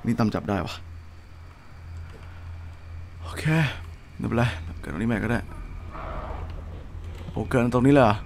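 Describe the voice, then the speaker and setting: A man's voice: medium pitch, unhurried, gravelly, long pauses, a little mellow, slight background noise. A young man streaming a horror game, muttering to himself as he plays and letting out sudden startled yelps. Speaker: gaming streamer. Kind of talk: live horror game commentary.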